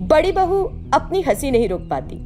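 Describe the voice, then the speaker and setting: Female storybook narrator, high and lively, scripted and expressive. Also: moderate pace, faint music behind.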